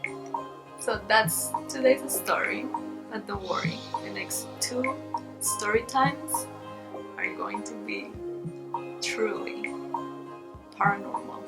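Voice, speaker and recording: A woman's voice: mid-range voice, wildly swooping pitch, slow pace, over loud music, poor audio. A woman telling a personal story casually to her viewers, dramatic and building tension. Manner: dramatic, builds tension and laughs between lines. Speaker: storytime vlogger.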